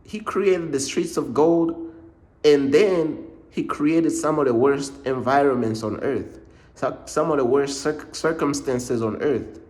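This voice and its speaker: A man's voice: mid-range voice, slow, darkish tone. A young man from Uganda telling a rambling storytime vlog about his faith, peppering his talk with "bruh" and "bro.". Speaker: faith vlogger.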